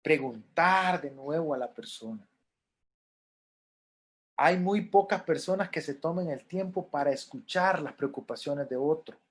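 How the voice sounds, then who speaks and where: Here a middle-aged pastoral counselor gives an earnest lecture on grief, restating key ideas and acting out people's words. His pitch is fairly high and his delivery measured.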